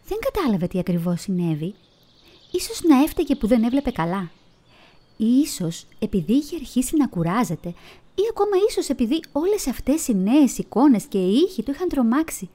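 A woman storyteller narrating a children's fairy tale in an expressive, melodic way. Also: a little high. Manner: expressive, melodic reading with vivid emphasis.

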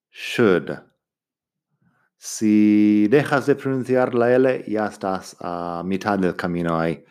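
Male podcast teacher, lowish voice, slow and patient delivery, repeats examples. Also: a little mellow. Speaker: English teacher and podcast host. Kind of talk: podcast language lesson.

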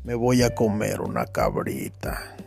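A man's voice: fairly low pitch, very animated, unhurried, a little mellow, soft background music, voice pushed down, heavily acted. A man whispering as a hungry storybook wolf. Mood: hungry, scheming. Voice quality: breathy whisper, drawn out.

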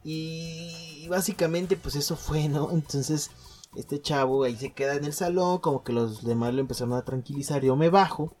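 A young man with a Mexican accent casually telling a school story on a podcast, full of slang, swearing, jokes and halting restarts. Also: on the high side, fairly even intonation, a little mellow, faint music behind. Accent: Mexican Spanish.

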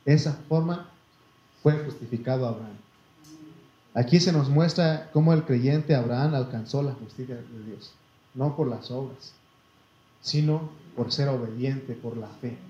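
A man preaches at a measured pace in a mid-range voice, his Mexican Spanish accent evident. Folksy and familiar, he reads Bible verses, calls his listeners brother, and asks them for amens. The audio is echoey and slightly muffled.

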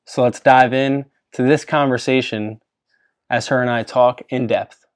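A man's voice: medium pitch, steady tone, unhurried, no echo. Male podcast host, upbeat and casual, frequent false starts, dry room.

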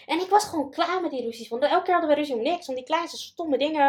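A young woman telling her own story in an interview, pausing often and full of fillers. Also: high voice. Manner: halting, many pauses and fillers, quoting others. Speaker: guest. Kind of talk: personal testimony in an interview.

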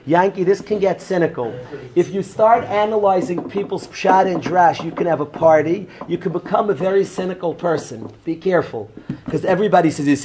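A man, teaching an informal Torah class and joking students he calls by name. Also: high-pitched. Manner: animated, joking, talks straight to students by name. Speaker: rabbi teaching a yeshiva class.

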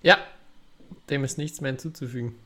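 A man's voice: medium pitch, fairly even intonation, brisk, sharp tone. A man co-hosting a podcast in casual chat, laid-back and giving brief replies. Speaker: podcast co-host.

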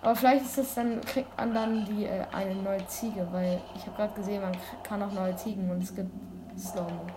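A woman giving casual gameplay commentary, excitable and full of youthful slang, breaking into sudden loud exclamations. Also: mid-range voice, moderate pace. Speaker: let's play gamer. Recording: constant background noise.

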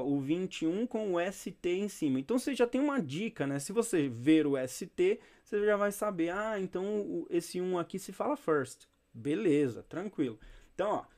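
A man with a fairly high voice runs a relaxed English class. He talks to his students like friends and repeats each word slowly so they can copy it. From Brazil. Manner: patient, repeats words slowly for practice; informal, chatty asides to students. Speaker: English teacher. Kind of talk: casual spoken lesson.

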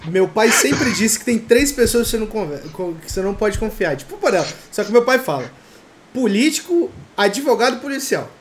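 Lively animated man telling a story. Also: high-pitched, fairly quick, a little hiss or hum. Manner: animated storyteller, mimics others. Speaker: podcast co-host. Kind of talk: casual banter.

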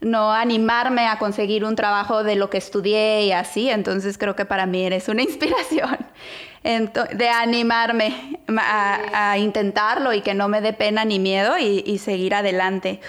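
A woman's voice: mid-range voice, steady tone, normal speed, fairly bright tone. Encouraging Mexican woman co-hosting. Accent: Mexican Spanish. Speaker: podcast co-host. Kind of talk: casual interview conversation.

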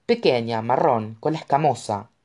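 A woman's voice: extremely low pitch, moderate pace, dark tone. A narrator voicing a tipsy, indignant young woman who talks defensively and rambles in an audiobook. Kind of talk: audiobook character voice.

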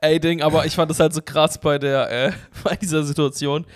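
A man's voice: fairly high pitch, little pitch movement, fairly quick. A man co-hosting a casual comedy podcast, riffing crudely and laughing through exaggerated bits. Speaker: podcast co-host.

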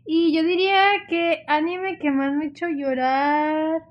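A woman's voice: sits high, fairly even intonation, unhurried, lo-fi sound. A young adult woman with a Mexican Spanish accent, co-hosting a casual podcast chat in a gushing, emotional way. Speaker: podcast co-host.

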